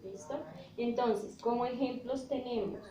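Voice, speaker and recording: Woman teacher, slow and patient, slightly high voice, echoey room. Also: a crowd in the background. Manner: slow and patient, checks in often with "¿listo?". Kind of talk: spanish grammar lesson.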